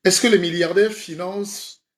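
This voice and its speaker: A man's voice: high voice, steady tone, moderate pace. A man playing a comic spiritual guide in a mock sermon on a live stream, playful and rhetorical, often asking his listeners "hein?". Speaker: comedic self-styled spiritual guide.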